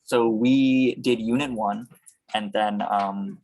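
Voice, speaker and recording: A man with a Boston accent, a high school teacher, talking casually on a video call, unhurried and full of pauses. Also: steady tone, darkish tone, low-quality recording. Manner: unhurried, with many pauses and fillers.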